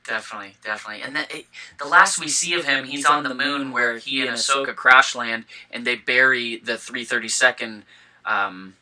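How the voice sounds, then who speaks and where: A man's voice: medium pitch, brisk, sharp tone, low-quality recording. A young man co-hosting a casual fan podcast, talking enthusiastically with lots of fillers and restarts, with the hiccups. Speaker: podcast co-host.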